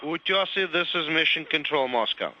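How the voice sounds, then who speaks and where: A man, a mission control operator giving terse, measured call-outs over a crackly radio communicator link. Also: fairly high pitch, lively intonation, bright, forceful tone. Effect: crackly radio communicator transmission. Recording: muffled radio link with heavy static.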